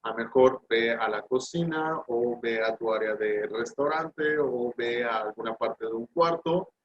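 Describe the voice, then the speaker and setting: Slow patient man teaching grammar. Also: mid-range voice, highs cut off. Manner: patient, drawn-out examples, rising on English words. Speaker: English teacher. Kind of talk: explaining grammar in Spanish.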